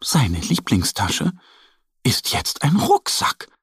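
A man narrating a children's story in a very expressive, sing-song storytelling manner. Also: mid-range voice, slow, husky, no echo, studio quality.

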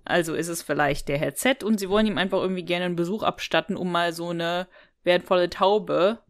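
Retelling and talking through an audio drama episode, this podcast co-host keeps the chat casual and laughs easily. Her voice is on the low side, and she talks a little fast.

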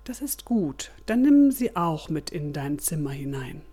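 A woman voicing a wise old male rabbi who gives advice in a musing way, with a drawn-out "hm". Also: low-pitched, big pitch swings, mellow, husky, heavily acted. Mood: calm advising.

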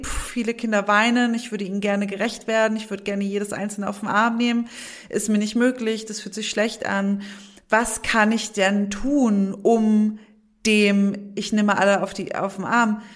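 A woman speaking as a guest in a podcast interview, explaining thoughtfully and sometimes acting out soothing phrases. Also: mid-range voice. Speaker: guest, childhood educator and resilience trainer.

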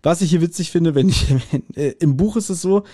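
Male podcast co-host, slightly high voice, casual and laughing recap style. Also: a little fast, dark tone. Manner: chatty, retells the plot with frequent laughs. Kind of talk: casual episode discussion.

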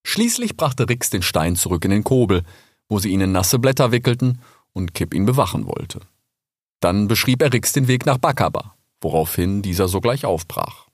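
A man narrating a children's audiobook in an expressive, storytelling way. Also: lowish voice, normal speed, breathy edge, no echo, clean studio sound.

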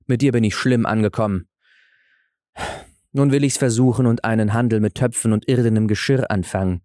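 A man voicing a stern beggar husband who is secretly a king, gruff and commanding. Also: medium pitch, fairly even intonation, fairly quick, mellow, dry recording, clean studio sound, natural voice.

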